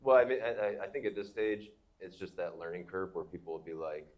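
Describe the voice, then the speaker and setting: Low-voiced man hosting a podcast. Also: fairly even intonation, brisk, dull audio. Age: 30s. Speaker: podcast host. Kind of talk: casual chat. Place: basement.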